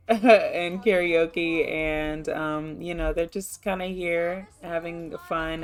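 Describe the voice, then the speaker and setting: A woman narrating her life-sim gameplay in a casual let's-play style. Her voice is low for a woman, and she talks in a chatty, rambling, upbeat way.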